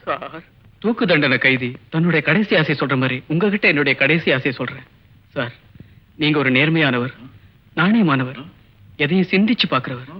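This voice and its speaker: A man's voice: fairly high pitch, lively intonation, moderate pace, pauses often. An actor playing a dignified young college student who pleads his innocence in earnest, respectful speech. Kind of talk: 1980s film acting. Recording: dull old film soundtrack with music.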